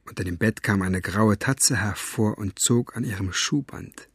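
A man narrating an audiobook with a measured storytelling delivery. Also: on the low side, slightly rough, no room sound, studio quality. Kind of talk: scripted narration.

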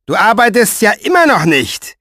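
A man's voice: high-pitched, expressive, a little slow, fairly bright tone, no echo, studio quality, pitched above the performer's own voice. A man reading an audiobook, voicing a cruel, mocking male villain commander in a raised, sneering voice. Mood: menacing. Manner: mocking, menacing.

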